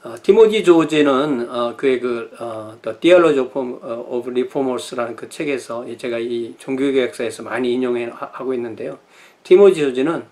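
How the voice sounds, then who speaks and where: A middle-aged pastor talks through a history lesson in a casual lecturing way. He keeps stopping to think, filling gaps with hesitations and fixing his own slips. His level voice sits at an ordinary pitch. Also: darkish tone. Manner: thinking aloud with many fillers and self-corrections. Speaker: pastor teaching church history.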